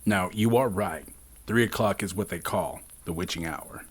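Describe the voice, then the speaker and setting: Deep, husky-voiced man telling urban legends. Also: normal speed. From southwestern United States, Navajo Nation. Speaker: podcast host. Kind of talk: urban legend storytelling, conversational podcast narration.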